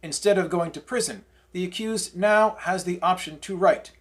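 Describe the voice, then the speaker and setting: A man reading a scripted parody newscast as its anchor, with a deadpan newsreader delivery. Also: high voice, normal speed. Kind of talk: scripted mock newscast narration.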